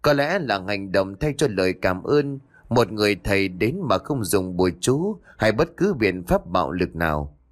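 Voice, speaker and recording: A man narrating a ghost story in a dramatic, expressive way. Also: on the low side, normal speed.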